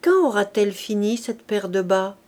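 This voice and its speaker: A woman voicing a gentle male stranger in an audiobook, soft and polite. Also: mid-range voice, animated, normal speed, close to an everyday voice. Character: poor stranger, a man with a gentle voice.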